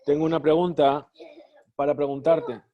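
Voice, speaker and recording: A man teaching a class, reading phrases of a text slowly and translating each one. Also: on the high side, steady tone. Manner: reads Hebrew phrases slowly, then translates. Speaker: Talmud teacher. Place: study hall. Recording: dull lo-fi recording.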